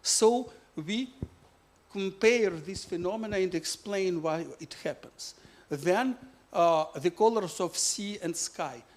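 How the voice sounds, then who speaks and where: A man from Ukraine, presenting his physics book in halting full of "uh" fillers. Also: high-pitched, a little mellow. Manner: halting non-native English with many "uh" fillers.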